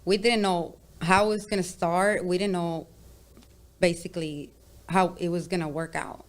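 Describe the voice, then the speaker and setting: Young woman from Sonora, lowish voice, open and talkative guest. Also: steady tone, moderate pace. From Sonora, Mexico. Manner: open, chatty, says "like" and "you know" often. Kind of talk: casual interview chat.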